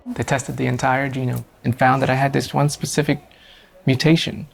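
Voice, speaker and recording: A man in his thirties from Vietnam, a doctor and cancer patient, telling his story in a soft, plain way in an interview. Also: mid-range voice, flat delivery, normal speed, vocal fry. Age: 30s. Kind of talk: personal interview.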